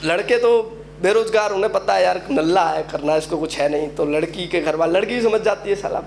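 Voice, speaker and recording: A man's voice: sits high, fairly quick, vocal fry, a little hiss or hum. A young man from Uttar Pradesh performing a stand-up comedy set at an open mic, telling a story and acting out the people in it. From Uttar Pradesh, India. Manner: storytelling, acts out quoted characters. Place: open mic event venue.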